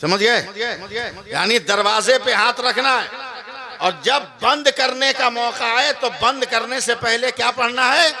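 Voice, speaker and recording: A high-pitched man from West Bengal delivers a slow, deliberate sermon at an open-air religious conference. He repeats his points, keeps asking the crowd questions and drops in jokes. The stage mic picks up a loud crowd throughout. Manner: slow, repetitive, asks the crowd questions, joking asides. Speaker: Islamic preacher. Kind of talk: religious sermon at a public gathering. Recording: live sermon over loud crowd noise.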